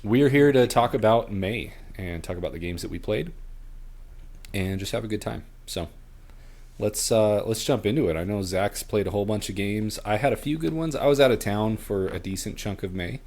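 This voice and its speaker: A man's voice: on the low side, normal speed, darkish tone. A man in his thirties hosting a casual gaming podcast, leading the talk and laughing often. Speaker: podcast host. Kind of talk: casual chat.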